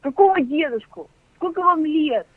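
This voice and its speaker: A woman's voice: high-pitched, expressive, normal speed. A woman answering a prank call, irritated and insistent, talking over the caller. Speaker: call recipient. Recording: tinny phone line.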